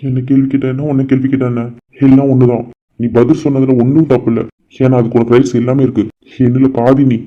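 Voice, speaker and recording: A man's voice: medium pitch, little pitch movement, quick pace, lightly acted. A man voicing an earnest young man in a cartoon, speaking in a protective, pleading way. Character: earnest young man defending his girlfriend. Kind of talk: cartoon voice acting. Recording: dull lo-fi recording.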